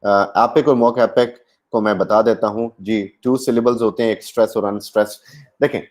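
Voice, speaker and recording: A man's voice: fairly low pitch, fairly even intonation, moderate pace, darkish tone. A man with a Pakistani accent teaching English literature in a classroom, explaining at length and slipping English terms and phrases into his talk. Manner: explanatory, mixes English terms into Urdu, many fillers. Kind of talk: classroom lecture.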